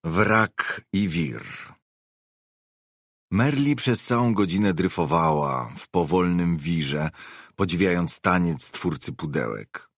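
A man narrates an audiobook with a very deep, low voice. His reading is calm and measured. The recording is close and completely dry, with no room sound. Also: no echo.

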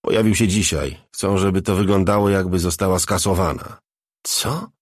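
A man voicing a crude, cold crime boss who speaks calmly and flatly. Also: deep voice, normal speed, no room sound, studio quality. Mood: detached. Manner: calm, detached, swearing.

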